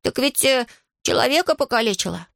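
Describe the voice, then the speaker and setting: A woman's voice: fairly high pitch, expressive, fairly quick, vocal fry, a bit bright, dry recording, studio quality, pitched above the performer's own voice. A woman voicing a lazy, cunning schoolboy who whines, wheedles and fakes weakness in an audiobook. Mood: sly grumbling. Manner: whiny, wheedling, feigns weakness. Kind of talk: audiobook character voice.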